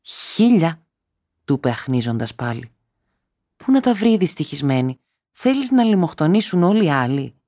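A man's voice: medium pitch, expressive, warm tone, no echo, studio quality, lightly acted. A man reading a story aloud and voicing a young woman who is tender at times and bitter at others, speaking emotionally and rising to cries. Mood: indignant. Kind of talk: audiobook character reading.

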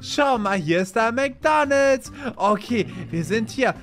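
A man hosting a Minecraft roleplay, talking excitably to viewers and repeating words fast when he panics. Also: very high voice, soft background music. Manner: addresses viewers directly as "Leute". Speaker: channel host and roleplayer.

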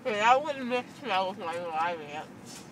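A woman's voice: mid-range voice, animated, measured pace, fairly bright tone. Slurred, numb-mouthed young woman, loopy rambling. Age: young adult. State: numb-mouthed and slurred after dental surgery, gauze in mouth. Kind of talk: casual chat. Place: inside a car. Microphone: handheld phone in the car, a little away. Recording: distant car recording with road noise.

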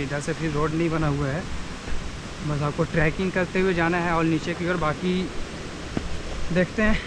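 A young man in his twenties narrating a casual travel vlog outdoors, chatting with viewers as he walks and rides. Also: fairly high pitch. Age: 20s. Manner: chatty, keeps addressing viewers as brother. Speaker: travel vlogger. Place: outdoors on roads and forest trails. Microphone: handheld action camera and bike-mounted camera. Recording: outdoor noise on a camera mic.

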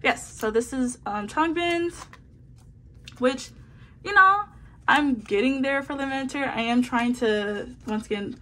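This woman, a photocard collecting vlogger, talks in a high, slightly bright voice at a slow pace. She chats casually, bubbly and slangy with lots of asides, while sorting photocards into a binder, her hands filmed at an indoor table.

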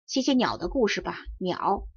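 A woman's voice: lowish voice, very animated, normal speed, breathy edge, voice pushed down, exaggerated voice. A woman voicing a jolly woodpecker in a storybook, easygoing in tone. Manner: laughing, easygoing. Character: great spotted woodpecker, jolly. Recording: dry dull close recording.

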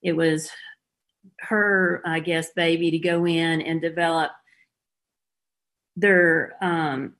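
A woman's voice: deep voice, fairly even intonation, takes it slowly, pauses often, a bit bright. A middle-aged woman with a Southern US accent, a former police officer telling her story plainly as a guest in an interview.

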